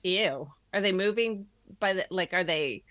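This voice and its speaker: A woman's voice: fairly low pitch, unhurried, a bit bright, dry recording. A woman playing a tabletop game, chatting casually and jokingly with the other players.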